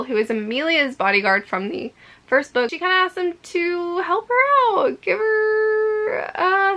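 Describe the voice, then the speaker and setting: A woman chatting casually to camera as an upbeat, effusive book vlogger, her voice a little croaky with allergies. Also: on the high side, sharp tone. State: slightly croaky, allergy-affected voice. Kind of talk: casual chat to camera about books.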